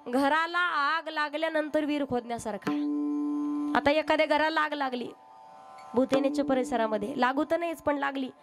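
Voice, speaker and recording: A woman preacher from Maharashtra gives a devotional kirtan sermon in a bright, high voice, asking her listeners questions as she tells her story. Instruments play clearly behind her. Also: moderate pace, music in the background. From from Maharashtra, India. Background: musical instrument accompaniment.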